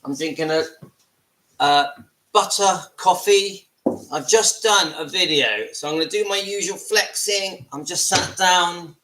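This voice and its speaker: A man's voice: high-pitched, a little slow, bright, forceful tone, roomy sound, slight background noise, poor audio. Chatty West Country man in his fifties. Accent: West Country English. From southwest England. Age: 50s. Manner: chatty, earnest, self-deprecating. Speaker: vlogger. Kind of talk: casual live video talk. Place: at home, seated.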